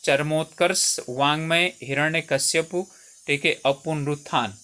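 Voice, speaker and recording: Male exam tutor with a slightly high voice; steady step-by-step walkthrough of answers, repeats key words. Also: a little slow, smooth. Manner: explains step by step, repeats words and says "theek hai" often.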